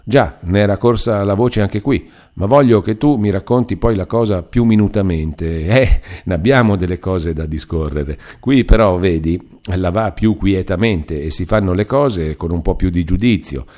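A man voicing a warm-hearted, talkative male cousin, a foreman at a mill, in an audiobook reading. He talks in a chatty, rambling, good-natured way. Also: low voice, normal speed, few pauses, close to an everyday voice. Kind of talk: audiobook character voice.

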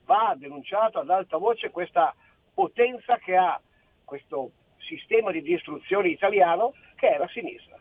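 A man's voice: sits high, expressive, normal speed. Older man calling in on a tinny phone line. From Friuli Venezia Giulia, Italy. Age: 60s. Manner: rambling, indignant, repeats himself. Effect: phone-in caller on a radio show. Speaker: caller. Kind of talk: heated political phone-in.

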